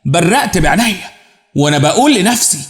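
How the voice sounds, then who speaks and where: Animated Egyptian man telling a dramatic story. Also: high-pitched, fast talker, reverberant. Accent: Egyptian Arabic. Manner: expressive, dwelling on repeated phrases. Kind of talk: dramatic first-person story narration.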